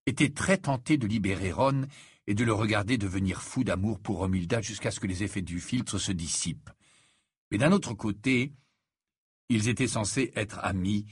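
A man reading a novel aloud as audiobook narrator, measured and expressive. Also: mid-range voice, breathy edge, no room sound, clean studio sound. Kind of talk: scripted narration.

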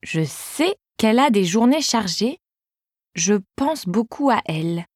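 A woman's voice: fairly high pitch, very animated, unhurried, no room sound, studio quality. Woman doing a blunt, teasing young friend. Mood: musing.

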